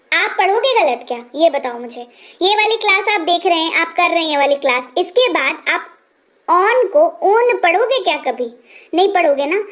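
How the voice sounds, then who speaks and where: A woman with a very high voice teaches English pronunciation. She says each word slowly, repeats it, then explains what it means. She keeps checking in with the viewer through rhetorical questions. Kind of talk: explanatory spoken lesson.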